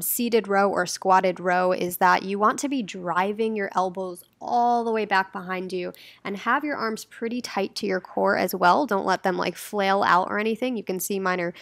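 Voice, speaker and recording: A woman's voice: mid-range voice, creaky, a bit bright, no room sound. Friendly young woman coaching a workout. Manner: friendly, encouraging step-by-step coaching. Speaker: fitness vlogger. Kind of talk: instructional voice-over.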